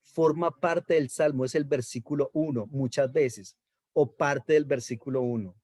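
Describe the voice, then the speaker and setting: Man, teacher, slow delivery, repeats terms, checks understanding. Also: mid-range voice, dark tone. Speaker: Bible teacher. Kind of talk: slow explanatory lesson.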